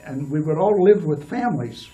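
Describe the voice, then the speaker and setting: A man's voice: fairly high pitch, lively intonation, normal speed, warm tone, far from the mic, dull audio. An older man telling long stories as an interview guest, rambling with frequent restarts and fillers. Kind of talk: storytelling in a casual interview.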